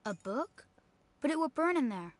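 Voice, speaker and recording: A woman's voice: high voice, very animated, moderate pace, no room sound. A woman voicing an earnest young boy hero in a video game, full of questions.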